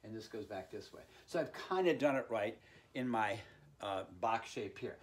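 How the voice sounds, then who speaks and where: A man's voice: on the low side, animated, normal speed. A man in his sixties giving an informal, folksy drawing lesson for kids, playfully dropping in little sound words as he demonstrates. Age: 60s. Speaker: art teacher hosting a drawing tutorial channel for kids. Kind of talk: informal instructional talk while drawing. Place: indoor room with art on the wall.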